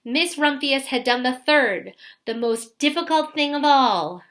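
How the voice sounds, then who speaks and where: A woman's voice: high-pitched, a bit bright. A woman reading a children's picture book aloud expressively, in the manner of a teacher talking to young listeners. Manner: pauses to ask young listeners questions.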